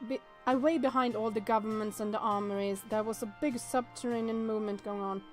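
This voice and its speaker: Hosting a let's-play of a visual novel, a woman with a slightly high voice reads the on-screen text aloud, reacting expressively with exclamations and stumbling now and then.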